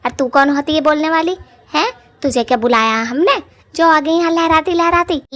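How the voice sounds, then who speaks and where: A woman voicing a hostile, contemptuous sister-in-law in a cartoon, who shouts and threatens. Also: high-pitched, animated, moderate pace, no echo.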